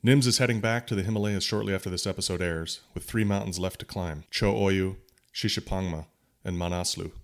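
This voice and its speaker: Deep-voiced man hosting a podcast. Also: fairly even intonation, a little fast. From United States. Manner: hesitant, repeats words when asking. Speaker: podcast host. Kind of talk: casual interview, scripted intro.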